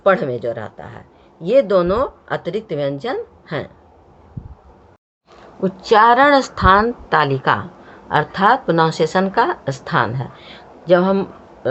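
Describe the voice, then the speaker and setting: A woman teaching a grammar lesson, explaining step by step and sounding out each letter for the learner. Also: lowish voice. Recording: dull, muffled lo-fi sound.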